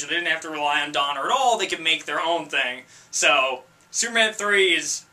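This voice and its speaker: Bright-voiced exasperated male film ranter. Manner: exasperated, sarcastic, swings from low mutter to loud outbursts. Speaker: film review host. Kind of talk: comedic film rant.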